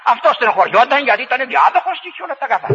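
A male preacher tells a folksy story as a sermon, with repeated phrases and rising exhortations. His voice is very high and very bright. It sounds like a dull radio broadcast with long hall reverb. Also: sing-song, gravelly, a little hiss or hum.

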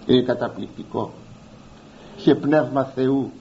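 A man preaching a sermon, speaking straight to his listeners and slowly drawing out the words he wants to stress. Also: medium pitch, lo-fi sound, a little hiss or hum. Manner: addresses listeners directly as "beloved".

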